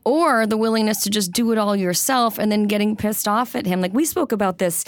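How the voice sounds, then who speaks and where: A woman's voice: medium pitch, fairly quick, no echo, studio quality. A woman hosting an interview in a chatty, casual way, laughing along and often saying "like". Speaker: podcast host.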